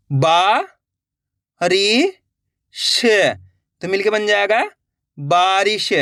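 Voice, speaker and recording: A man's voice: high voice, bright, forceful tone, clear, resonant tone, no echo, studio quality. A man teaching children's reading, sounding out each syllable and then blending it into the word, encouraging his viewers as friends. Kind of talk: slow syllable-by-syllable reading lesson.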